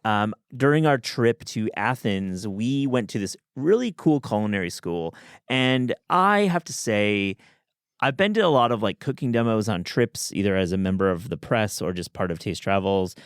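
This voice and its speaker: A man's voice: on the low side, expressive, normal speed, clear, resonant tone, no echo, studio quality. A man hosting a podcast, talking in an enthusiastic, chatty way with many restarts. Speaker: podcast host. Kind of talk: casual chat.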